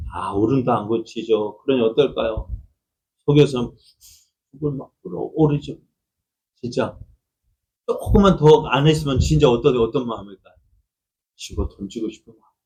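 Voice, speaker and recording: Male pastor, middle-aged, fairly high voice. Chatty Sunday sermon with questions to the pews and acted-out quotes. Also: a little mellow, rough recording. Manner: conversational, asks the congregation questions; acts out quoted speech in a raised voice.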